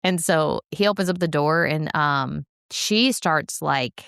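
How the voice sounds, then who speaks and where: A middle-aged woman with a low, gravelly voice, chatting casually as a podcast co-host. She tells a story with lively energy, laughs often and slips into the voices of the people she quotes. The sound is dry and close. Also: slow, dry recording. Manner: animated, laughing, acts out quoted speech.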